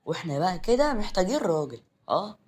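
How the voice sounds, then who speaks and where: A man's voice: sits high, sing-song, quick pace, voice pushed up. A man voicing a sly, pushy young woman in an Egyptian accent, in a read-aloud audio story.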